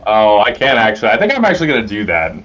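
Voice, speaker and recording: A man's voice: lowish voice, wildly swooping pitch, rapid-fire, a bit bright, soft background music. A man playing a tabletop game, describing his moves hesitantly and thinking aloud as he goes. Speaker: player. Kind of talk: casual tabletop game chat. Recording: dull, lo-fi mic.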